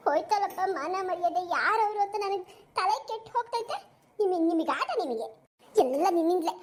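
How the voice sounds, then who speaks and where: A woman voicing a proud, quarrelsome old village grandmother who complains and laments melodramatically in an animated cartoon. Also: very high-pitched, a little fast. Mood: scolding.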